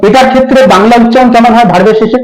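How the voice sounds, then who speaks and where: A teacher with a Bengali accent giving a grammar lesson to school students, patiently repeating key terms and asking whether the class has understood. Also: female voice, on the high side, racing, darkish tone, echoey room, low-quality recording.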